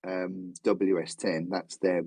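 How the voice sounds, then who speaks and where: Husky-voiced easygoing male guest. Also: deep voice, level tone, takes it slowly, darkish tone, no echo. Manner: easygoing, brief agreeing replies. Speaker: guest player. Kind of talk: casual interview chat.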